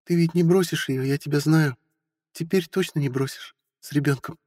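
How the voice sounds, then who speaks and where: A man's voice: a little high, steady tone, moderate pace, a little mellow, dry recording, clean studio sound, in a large hall, voice pushed up, natural voice. A man reading an audiobook who voices a bitter, hurt forty-year-old wife with a sarcastic manner. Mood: reproachful. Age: 40s. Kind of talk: audiobook character voice.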